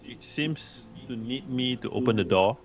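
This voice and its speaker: A man's voice: medium pitch, moderate pace. A man playing a tabletop game, giving brief, laid-back replies. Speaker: player. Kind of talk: casual tabletop game chat.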